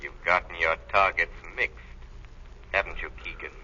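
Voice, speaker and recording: Vintage radio drama, mysterious invisible avenger, very forceful tense tone, low pitch, formal, sardonic, commanding. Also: male voice, steady tone, muffled recording, slight background noise. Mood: mocking. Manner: formal, taunting, deliberate diction. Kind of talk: 1930s radio crime drama acting. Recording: band-limited vintage 1930s radio recording.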